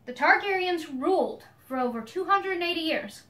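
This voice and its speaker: A woman with a notably high voice walks through a story's history in an easy, playful way. Her tone is bright and clear, and she laughs often as she goes. She sounds like a relaxed co-host in casual conversation. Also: moderate pace. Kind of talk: casual chat.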